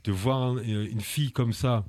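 A man from France, an activist guest, telling his story in an interview, halting and often restarting his words. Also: medium pitch, steady tone, a little mellow, dry recording. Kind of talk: personal testimony in an interview.

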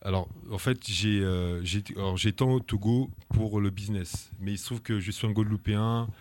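Man, from France, activist guest, halting speech, repeats words, low voice. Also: fairly even intonation, darkish tone, dry recording. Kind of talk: personal testimony in an interview.

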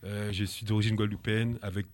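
A man from France, an activist guest, telling his story in an interview, halting and often restarting his words. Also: on the low side, level tone, a little mellow. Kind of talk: personal testimony in an interview.

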